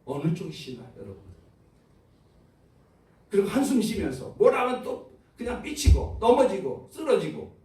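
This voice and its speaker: A man's voice: high voice, normal speed, long pauses. A man preaching a sermon as pastor, asking his congregation questions and acting out voices. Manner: animated, asks the congregation questions, acts out voices. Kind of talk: sermon with congregation call-and-response. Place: church sanctuary. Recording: very echoey church hall, from far off.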